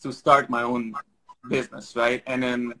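The recording is low quality, and the man's medium-pitched voice barely shifts in pitch, coming out a bit bright at a measured pace. Raised in Syria with Armenian as his first language, he gives rambling, casual interview answers riddled with fillers and restarts.

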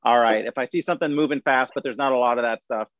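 A man in a casual podcast chat who talks enthusiastically, with quick asides and lots of fillers. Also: medium pitch, fairly bright tone, no room sound, muffled recording.

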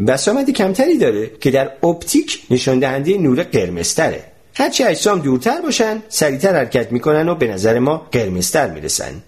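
A calm, learned professor in a storybook, explaining things patiently and gently, voiced by a male narrator. His voice sits a little high and moves in a lively, animated way.

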